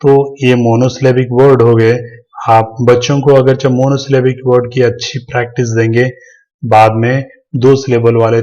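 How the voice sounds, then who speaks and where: A man teaching English reading in a patient, explanatory voice-over, slowly breaking words into their syllables. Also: medium pitch, darkish tone, low-quality recording.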